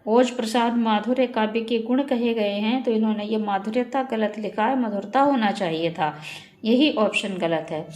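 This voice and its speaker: A woman's voice: a little high, darkish tone. Methodical woman teaching Hindi grammar. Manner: methodical, reads each sentence then corrects it. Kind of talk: online exam-prep lesson.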